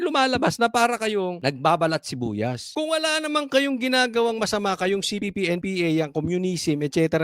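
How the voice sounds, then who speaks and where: A man's voice: high-pitched, a bit bright, no room sound, clean studio sound. A man giving an opinionated commentary monologue, emphatic and argumentative, firing rhetorical questions straight at his audience. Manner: addresses the audience directly with challenging questions. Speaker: online political commentator.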